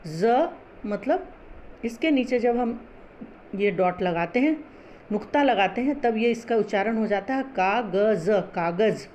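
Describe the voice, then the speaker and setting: A woman teaching a Hindi class, explaining pronunciation slowly and patiently, spelling out sounds syllable by syllable. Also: a little high, expressive, darkish tone, slight background noise.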